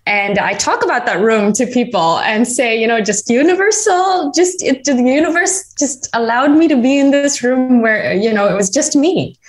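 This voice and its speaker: A woman from Tanzania shares her personal story as a guest in a conversation, earnest and animated, restarting often and saying "you know" a lot. Her voice is fairly high-pitched, at normal speed with few pauses.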